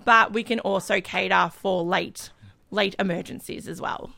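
Bright upbeat woman explaining. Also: medium pitch, steady tone, moderate pace, gravelly, no echo. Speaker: team leader guest. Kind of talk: casual interview chat.

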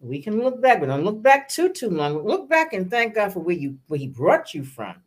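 A woman's voice: mid-range voice, huge pitch swings, normal speed. A woman, talking earnestly about her faith in a casual podcast chat, with many restarts. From New York.

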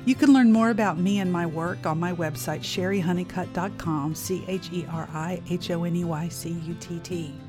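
A woman hosting her own podcast, delivering a scripted monologue in an expressive, emphatic and inviting way. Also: lowish voice, normal speed, hardly any pauses, over music. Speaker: podcast host.

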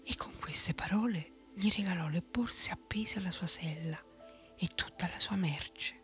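A woman telling a bedtime story in a soft unvoiced whisper. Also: lowish voice, a little slow, faint music behind.

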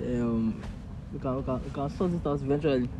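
A man's voice: mid-range voice, fairly quick, background noise. A young man chatting casually as a podcast co-host, often stammering and repeating his words. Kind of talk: casual chat.

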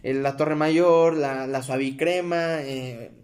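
A man's voice: medium pitch, fairly even intonation, takes it slowly, a little mellow. A young man with a Mexican accent casually telling a personal story to his viewers, rambling with fillers and self-corrections and calling them friends. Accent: Mexican Spanish. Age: young adult. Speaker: vlogger.

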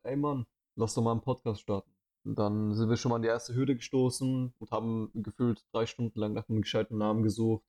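A man's voice: mid-range voice, mellow. A man in his twenties co-hosting a casual podcast, rambling with many fillers, speaking into a headset microphone. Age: 20s. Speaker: podcast co-host.

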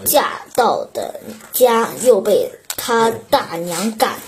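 A pleading young female street singer from a storybook, read by a woman. She speaks haltingly and very slowly, in a fairly high voice. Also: lively intonation, a little hiss or hum. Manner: halting, hesitant.

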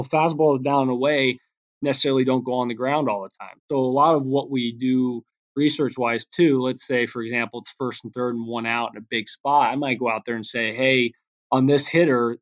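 A man, a pitching coach, explaining his approach in a casual interview, talking at length with frequent fillers and restarts. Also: steady tone, fairly quick, fairly bright tone, lo-fi sound. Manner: talkative, many restarts and fillers.

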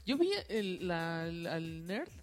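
A man with a Mexican accent co-hosting a casual podcast, teasing the others with quick remarks. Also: on the high side, expressive, soft background music. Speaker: podcast co-host.

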